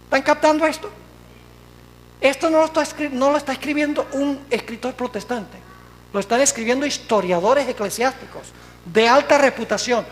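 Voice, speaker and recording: Emphatic preacher reading quotes slowly. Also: medium pitch, low-quality recording. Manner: emphatic, slows down to stress quoted words; asks the audience rhetorical questions. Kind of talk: sermon with read-out quotes.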